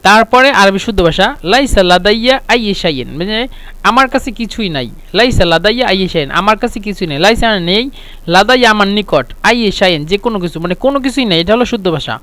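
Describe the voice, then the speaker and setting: High-voiced man teaching Arabic phrases. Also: expressive, pushed and bright, smooth. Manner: explains phrases by repeating them slowly with hesitations. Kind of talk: casual spoken lesson.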